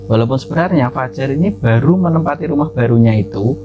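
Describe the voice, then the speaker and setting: A man's voice: medium pitch, lively intonation, fast talker, lo-fi sound, soft background music. A man hosting a horror story channel, narrating a submitted story in a chatty, loose way with frequent fillers and asides.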